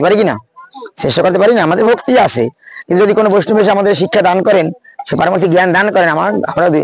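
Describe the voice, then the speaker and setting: A man preaching to a room of schoolchildren in a Khulna Bengali accent, his voice sitting a little high. He keeps firing questions at the children and punctuating his points with "yes". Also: no echo. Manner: asks the audience questions constantly, repeats "yes". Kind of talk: sermon to schoolchildren.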